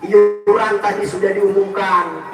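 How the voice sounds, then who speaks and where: High-voiced preacher, echoey PA. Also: male voice, unhurried, distant mic, over loud music. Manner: lively, addresses audience directly. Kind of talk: storytelling sermon. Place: village religious gathering outdoors.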